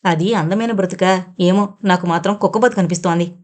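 A woman's voice: on the low side, steady tone, fast talker, darkish tone, close to an everyday voice. A woman reading the part of an innocent young daughter who pleads and protests against her mother. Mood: indignant. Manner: pleading and indignant. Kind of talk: audiobook character reading.

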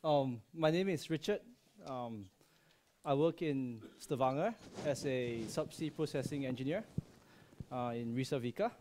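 A man in his thirties from Malaysia, a subsea processing engineer, gives a friendly conference presentation in a large lecture hall, joking lightly and filling his speech with ums and uhs. His mid-range voice is animated, unhurried and a little mellow. The headset mic picks up a slight hiss or hum.

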